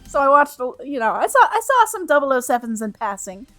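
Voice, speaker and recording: A woman with a fairly high voice chats to her stream in a bubbly, cutesy manner. She is playful and expressive as she plays, with faint game music behind her. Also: a little fast, dry recording. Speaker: video game livestreamer. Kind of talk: livestream chat while playing a game.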